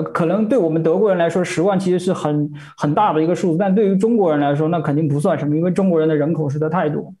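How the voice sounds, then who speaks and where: Man, sermon interpreter, fairly high voice, dark mellow tone, hesitant with fillers. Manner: hesitant, many fillers and repeated words.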